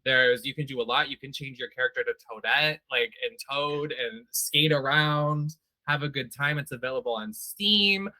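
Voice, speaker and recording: A man's voice: mid-range voice, moderate pace, pushed and bright, no room sound. A man hosting a casual panel chat about games, talking in a chatty, slangy way with playful asides.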